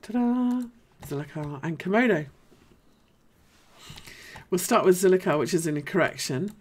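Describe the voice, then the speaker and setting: This host of a live market analysis stream has a deep, low, husky voice and speaks expressively at a moderate pace. Informal and talkative, she reasons out loud through every point.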